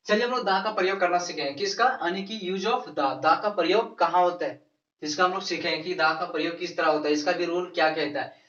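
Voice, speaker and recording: Male teacher, higher voice, drills points with self-answered questions; echoey room, far from mic. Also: fairly bright tone, highs cut off. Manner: repetitive, answers his own questions. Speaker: English teacher. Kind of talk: classroom-style grammar lesson.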